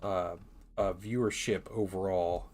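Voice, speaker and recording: A man's voice: low voice, steady tone, a little slow, a little mellow. A man in his thirties chatting casually on a live stream, rambling a little as he reads viewer comments aloud and works on his models. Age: 30s. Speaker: live-streaming miniature painter.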